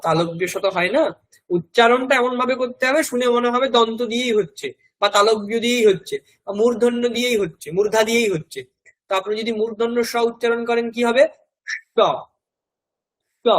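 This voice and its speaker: A man's voice: extremely high pitch, fairly bright tone, low-quality recording. A man with a West Bengal Bengali accent teaching a Sanskrit class. He spells each word out letter by letter and repeats it several times. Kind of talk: classroom language lesson.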